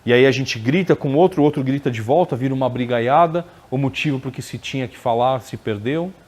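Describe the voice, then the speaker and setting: A man's voice: medium pitch, fairly quick, darkish tone. Man giving a conversational spiritual talk. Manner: conversational, frequent tag questions, acts out quoted dialogue. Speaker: lecturer at a spiritist center. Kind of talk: spiritual lecture. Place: spiritist center lecture hall.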